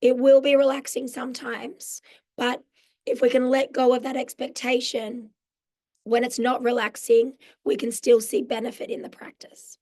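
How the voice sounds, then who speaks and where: A croaky Australian woman in her forties, hoarse after losing her voice, is a mental health social worker presenting a live online mindfulness workshop through a video call. Her voice is high-pitched and a little mellow, and her friendly explanations include frequent "um" fillers.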